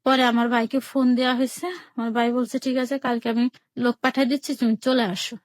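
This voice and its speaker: A Bangladeshi woman talks fast in a slightly high, level voice as she shares her life story on a radio call-in program. Plain-spoken and repetitive, she voices each exchange as a quote, and there's no room sound.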